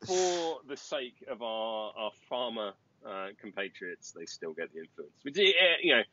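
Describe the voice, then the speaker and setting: A man's voice: fairly low pitch, animated, normal speed, lo-fi sound, crowd noise. A man hosting a casual podcast, joking and laughing with his guests. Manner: jokey, laughs often, hesitant restarts. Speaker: podcast host.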